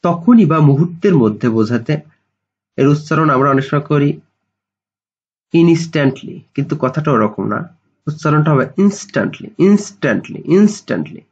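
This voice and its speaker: A male English vocabulary teacher with a Bengali accent, giving a slow voice-over lesson and repeating each English word several times to stress how it is pronounced. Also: on the high side, slightly rough, highs cut off.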